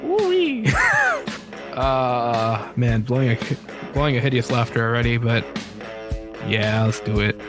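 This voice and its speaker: Man, game master, casual and hesitant, mid pitch, music behind. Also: level tone, measured pace. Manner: casual, hesitant, explains rules. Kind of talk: running a tabletop game.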